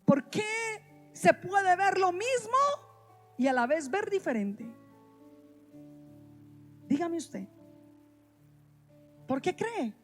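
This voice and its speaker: A woman preaching in a church with a high, bright-pitched voice. She speaks slowly and with emphasis, repeating key phrases and calling on the congregation to respond. Soft instrumental music plays faintly behind her. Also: big pitch swings. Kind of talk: sermon. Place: church sanctuary.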